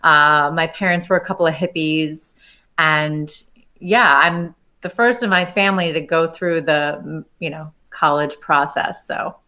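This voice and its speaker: A woman's voice: sits low, steady tone, measured pace, bright, forceful tone. A woman from the United States, a physician and startup founder, speaking enthusiastically as a podcast interview guest. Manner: enthusiastic, chatty.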